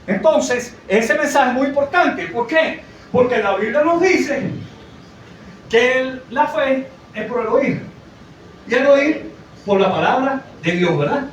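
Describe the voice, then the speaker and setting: A man with a high voice preaches a sermon and keeps checking in with his listeners. He sounds like he is in a very echoey hall, picked up from well away from the mic. A faint hiss sits behind him. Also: expressive, takes it slowly. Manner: conversational, asks the congregation questions. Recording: echoey, from far off, faint noise.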